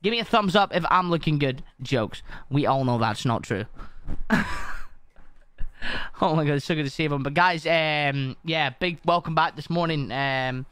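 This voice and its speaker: A man's voice: a little high, bright, forceful tone, clean tone, no room sound. A man chatting casually to his viewers on a live stream, swearing often and greeting people by name.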